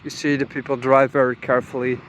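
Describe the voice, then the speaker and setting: A young man vlogging while walking outdoors through a small town, musing aloud in a relaxed, casual way. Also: medium pitch, fast talker, a little hiss or hum. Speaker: travel vlogger. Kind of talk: casual walking vlog narration.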